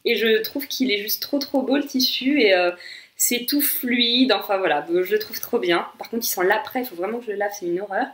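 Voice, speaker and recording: A woman's voice: medium pitch, moderate pace. A young woman from France chatting casually to camera, enthusiastic and full of fillers and asides. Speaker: vlogger. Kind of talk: casual chat. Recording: echoey room with faint music.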